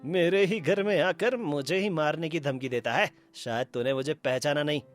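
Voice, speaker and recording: A gloating male sorcerer makes threats in a lowered voice, performed by a man. He is a cartoon villain, with music playing behind him. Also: moderate pace, close to an everyday voice. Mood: menacing.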